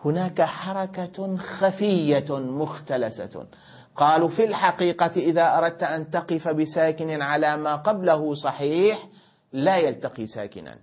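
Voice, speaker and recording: A man's voice: fairly high pitch, moderate pace. A man teaching a grammar lesson, questioning his students and correcting them, explaining by repeating and rephrasing points. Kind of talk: classroom lesson. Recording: dull lo-fi classroom recording.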